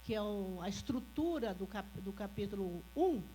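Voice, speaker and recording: A woman from the congregation sharing thoughts in a halting, casual way during a church meeting. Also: mid-range voice, lively intonation, warm tone, rough recording. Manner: halting, with restarts and fillers. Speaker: church member. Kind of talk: casual remarks during a service. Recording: faint mains hum.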